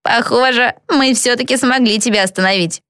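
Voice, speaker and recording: Stern young mermaid girl, high and sharp, as a woman reads her, dry close sound. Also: moderate pace, clear, resonant tone, no room sound, natural voice. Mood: smug. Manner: sharp, scolding.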